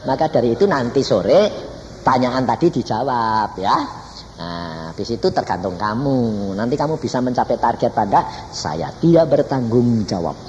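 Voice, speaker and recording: A man's voice: mid-range voice, animated, moderate pace, darkish tone, muffled recording, a little hiss or hum. An older man with a Javanese accent preaching a sermon, telling a family story and acting out the voices of the people in it. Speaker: evangelist preacher. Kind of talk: sermon with acted-out dialogue. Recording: distant, echoey church hall with faint ambience.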